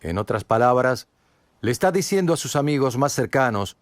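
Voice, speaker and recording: A man's voice: medium pitch, animated, moderate pace, no room sound. A man preaching a sermon, earnest and direct, asking many rhetorical questions and speaking straight to the listener. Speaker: pastor.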